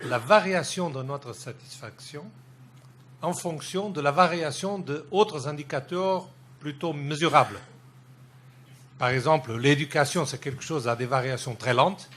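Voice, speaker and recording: A man's voice: mid-range voice, fairly bright tone, a little hiss or hum. A man from Portugal asking a long question from the floor at a lecture, thinking aloud and searching for words. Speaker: audience member asking a question.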